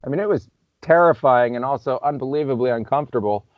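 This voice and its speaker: A man's voice: medium pitch, quick pace, no room sound. A man as a podcast guest, telling a story in a reflective, loose way full of "you know" fillers. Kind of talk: conversational storytelling. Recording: slightly muffled, dull audio.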